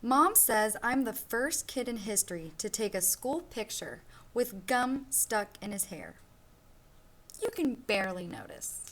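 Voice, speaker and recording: A woman reading aloud voices a sloppy, cheerful young storybook boy telling his own tale, in a full character voice. It sits fairly high and a little slow, with expressive emphasis and childlike boasting, though the mood stays matter-of-fact.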